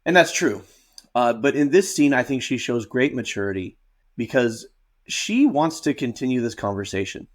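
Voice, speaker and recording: A man's voice: mid-range voice, expressive, normal speed. A man giving analytical, explanatory commentary as a therapist, with emphatic phrasing.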